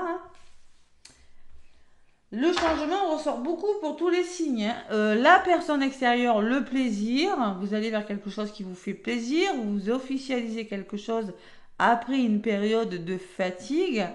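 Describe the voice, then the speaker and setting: A woman's voice: a little high, roomy sound. A woman with a French accent giving a chatty weekly tarot reading, full of fillers and tag words. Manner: chatty, filler-heavy, frequent "hein". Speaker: tarot reader.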